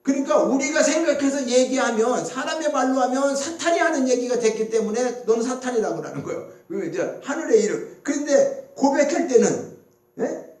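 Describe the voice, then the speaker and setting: Pastor, man, high and mellow voice, chatty sermon full of rhetorical questions, echoey hall, mic at a distance. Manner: conversational preaching with rhetorical questions. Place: church sanctuary.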